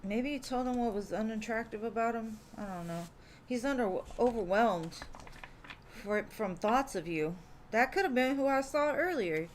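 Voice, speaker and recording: A woman's voice: fairly high pitch, expressive, moderate pace, slight background noise. A woman giving live tarot readings in a casual, chatty way, with many fillers, calling viewers "love". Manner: chatty, says "like" and "um" often, calls viewers "love". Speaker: tarot reader streamer.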